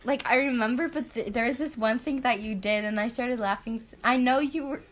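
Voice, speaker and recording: A woman's voice: on the high side, fairly quick, noisy background. Giggly teenage girl podcaster. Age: late teens. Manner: giggly, swearing, storytelling with lots of "like". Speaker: podcast co-host. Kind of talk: casual chat.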